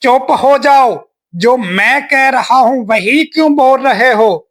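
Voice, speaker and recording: A man's voice: very high-pitched, expressive, slow pace, fairly bright tone, slight background noise, pitched above the performer's own voice, exaggerated voice. A man voicing a cheeky, squabbling young boy in a family cartoon, who sounds whiny.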